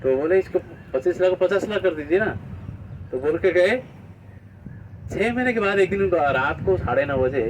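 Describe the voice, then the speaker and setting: A man giving a devotional talk, telling stories and acting out the dialogue, with rhetorical questions to the listeners. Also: mid-range voice. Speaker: preacher. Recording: distant mic, dull sound, faint street noise.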